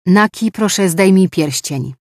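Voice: medium pitch, lively intonation, unhurried, a little mellow, dry recording, clean studio sound, voice pushed up. A narrator voicing a stern, suspicious male administrator who gives cold commands in an audiobook. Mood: commanding. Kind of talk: audiobook dialogue.

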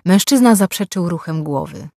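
A woman reading a fantasy audiobook in a calm, measured way. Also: fairly low pitch, no room sound, clean studio sound. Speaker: audiobook narrator. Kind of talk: scripted audiobook narration.

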